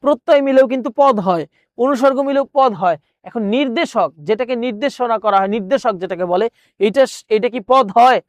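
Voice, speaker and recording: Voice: medium pitch, fairly quick, dry recording. A teacher running an exam-prep grammar lesson, repeating words and questions, asking viewers, then answering.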